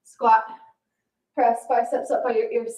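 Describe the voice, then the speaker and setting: Coaching a circuit workout like a classic aerobics instructor, a woman with a high voice calls out brief commands and counts and keeps up steady encouragement, pacing herself a little slowly. Her voice echoes around the room, picked up by a distant mic.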